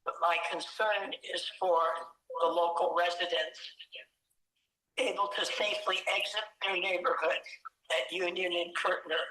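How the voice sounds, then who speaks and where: A woman resident giving a public comment over a phone call played on speakerphone, speaking in a flat, halting way. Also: fairly low pitch. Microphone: phone on speaker, picked up by room mics. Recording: echoey speakerphone heard in a room.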